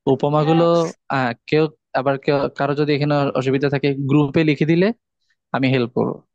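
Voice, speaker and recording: A man teaching a course, patiently explaining exam rules step by step with pauses and hesitations. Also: mid-range voice, steady tone, a little mellow, dry recording, muffled recording. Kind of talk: online class instructions.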